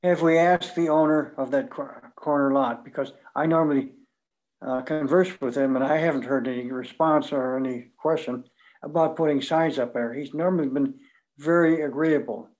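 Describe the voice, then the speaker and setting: Board member, slightly high male voice, questioning. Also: steady tone, moderate pace, a little mellow, low-quality recording. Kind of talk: meeting question.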